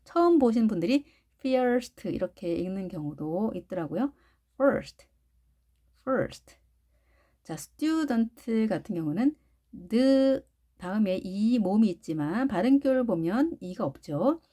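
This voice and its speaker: A woman teaching English phonics to adult learners, patiently explaining each sound and modelling the words slowly one by one. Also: mid-range voice, expressive, warm tone. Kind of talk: slow, careful phonics lesson.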